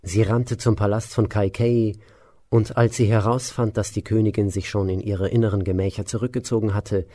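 A man narrating an epic tale in a measured, even reading. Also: on the low side. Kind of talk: storybook narration.

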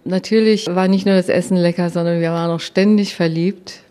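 Woman, low pitch, warm dark tone, personal storytelling, animated, hesitant fillers. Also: a little fast. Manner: lively, animated retelling with frequent hesitation fillers. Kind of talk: personal anecdote told to listeners.

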